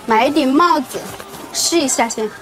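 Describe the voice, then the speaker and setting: A woman's voice: sits high, normal speed, a bit bright, poor audio. A woman hosting a casual market vlog for Chinese learners, naming and repeating things simply as she goes. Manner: names and repeats items for learners. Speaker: vlog host teaching Chinese. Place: busy market, on location. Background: music.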